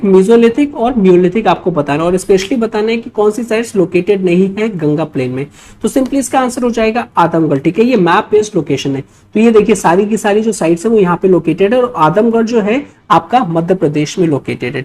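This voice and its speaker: A woman with an Indian accent and a medium-pitched, slightly mellow voice teaches history for exam preparation. Working through quiz questions, she explains points step by step and often checks in with short tags.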